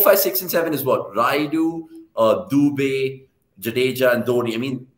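A man's voice: fairly high pitch, fairly bright tone, reverberant. A man in his thirties hosting a cricket panel on a video call, asking probing questions. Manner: probing, asks pointed questions. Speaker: host. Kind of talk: casual panel discussion. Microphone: video call webcam.

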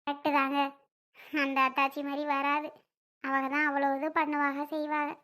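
A woman's voice: sits high, completely flat delivery, moderate pace, sharp tone. A woman playing an agreeable, sympathetic neighbor woman chatting about family troubles in a family skit. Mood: chatty.

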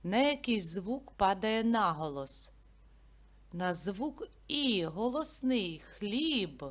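A woman teaching a literacy lesson to young children, sounding out letters and syllables slowly and prompting them with questions. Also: medium pitch, sing-song. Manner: slow, careful enunciation of sounds and syllables.

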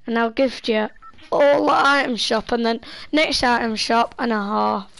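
A woman chatting live with teammates while gaming, excitable and bossy in her calls. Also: on the high side, a little slow, gravelly, dry recording, low-quality recording. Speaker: gamer. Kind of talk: live gameplay chat with teammates.

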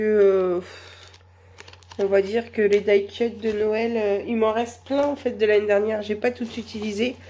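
A woman with a cold and a hoarse voice, chatting slowly and hesitantly through a shopping haul. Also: medium pitch, darkish tone, slight background noise. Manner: hesitant, many fillers, slow and chatty. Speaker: vlogger. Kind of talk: casual shopping haul vlog.

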